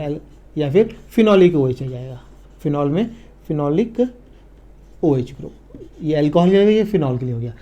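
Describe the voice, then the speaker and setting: A man's voice: sits high, darkish tone. Coaxing male chemistry teacher drilling students. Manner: coaxing, repeats "ठीक है ना" to check understanding; slows down and drops his voice while writing terms on the board. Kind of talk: online exam-prep lesson.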